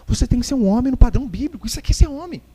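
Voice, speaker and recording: A pastor with a Brazilian Portuguese accent preaches a sermon from the pulpit of a church hall, his high, slightly rough voice constantly swinging up and down. He animatedly jokes with the congregation and acts out quick scenes and quotes to make his point, with a long echo from the room.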